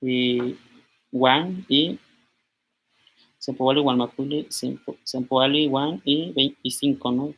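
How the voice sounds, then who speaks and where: A young man in his twenties, from Mexico, giving an informal language lesson and slowly repeating words as he writes them out. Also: mid-range voice, husky, highs cut off. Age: 20s. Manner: slow, repeats words aloud while writing on a board. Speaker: language teacher.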